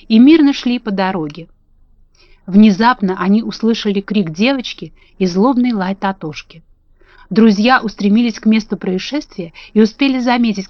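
A woman reading a children's storybook aloud in a calm, even narration. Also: on the high side, no room sound. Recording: dull lo-fi dry audio.

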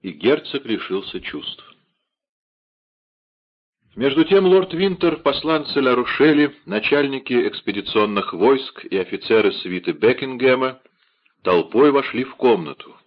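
A man narrating a classic adventure novel in an expressive, dramatic literary reading. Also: mid-range voice, a little slow, lo-fi sound. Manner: dramatic, steady storytelling. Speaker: audiobook narrator.

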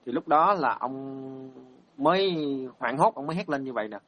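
Hesitant monk. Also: male voice, mid-range voice, lively intonation, normal speed, fairly bright tone, soft background music. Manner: hesitant, many fillers and repeated words. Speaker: Buddhist monk. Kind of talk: dharma talk storytelling.

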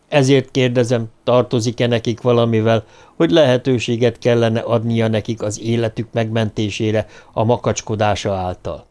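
A cold imperial officer speaks in calm, measured and coolly polite tones, as a male audiobook reader plays him. He holds an average male pitch and never raises his voice. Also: lightly acted. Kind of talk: audiobook character reading.

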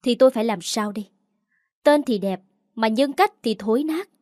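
A woman's voice: on the high side, animated, normal speed, darkish tone, dry recording, clean studio sound, natural voice. A scornful older woman, as a narrator puts her on. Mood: contemptuous. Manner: mocking, contemptuous.

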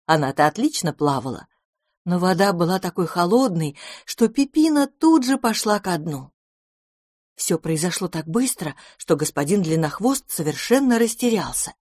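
A woman narrating a children's audiobook with lively, expressive storytelling. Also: lowish voice, moderate pace, no room sound, clean studio sound.

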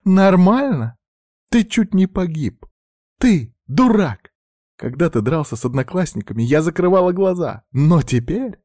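A fiery, tearful older sister in a storybook reading, high and shrill as she scolds, as a man voices her. Her lines are slow and insistent, set against a dry, close sound. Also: expressive, dark tone, dry recording. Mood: scolding.

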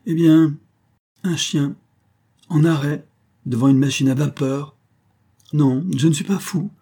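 A man voicing an excited freed convict who talks in a breathless, exalted, urgent way. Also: medium pitch, moderate pace, breathy edge, lightly acted. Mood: overjoyed.

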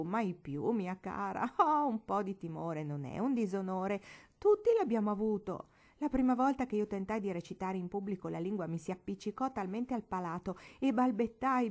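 A woman reading aloud voices a kind aunt comforting a child, slow and soothing in a storybook reading. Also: mid-range voice, a little mellow, close to an everyday voice.

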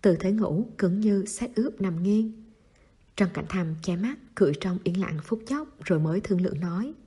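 A woman narrating a novel in a steady, soft storytelling voice. Her tone is mellow and dark, with a breathy, slightly husky edge. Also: medium pitch, normal speed. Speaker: audiobook narrator.

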